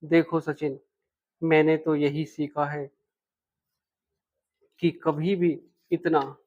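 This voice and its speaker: A man's voice: a little high, flat delivery, drawn-out words, darkish tone, dull audio. A man voicing a frank teasing young woman. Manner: direct, playful, lightly teasing.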